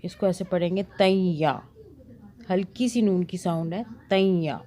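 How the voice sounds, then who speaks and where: A woman teaching Quran reading, patiently spelling out and repeating syllables in a slow lesson. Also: lowish voice, mellow. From Pakistan.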